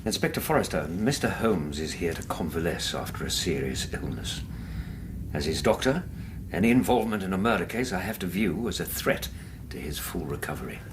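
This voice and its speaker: Deep grumpy victorian english doctor, lively intonation, radio play, noisy background. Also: male voice, a little fast. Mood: disapproving, firm. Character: blunt, protective, grumpy Victorian gentleman doctor. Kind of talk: radio drama acting.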